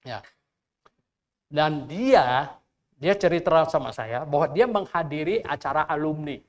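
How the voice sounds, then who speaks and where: A man's voice: a little high, expressive, measured pace. An older man, a pastor, preaching a Sunday sermon in church in a conversational, storytelling way full of rhetorical questions. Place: church during a Sunday service.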